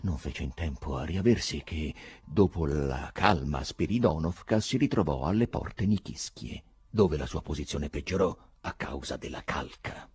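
A man narrating an audiobook in a theatrical, expressive way, with a husky voice on a close studio mic. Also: extremely low pitch, moderate pace, no echo.

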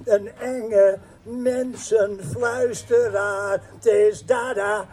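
Slow, husky high-voiced man reciting poetry. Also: fairly even intonation, darkish tone, faint music behind. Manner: rhythmic, repeating refrains. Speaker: poet.

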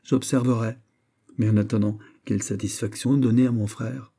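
A man's voice: fairly low pitch, steady tone, moderate pace, gravelly, warm tone. A man reading an audiobook, voicing a gallant young French king who speaks in a courteous, persuasive way. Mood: teasing.

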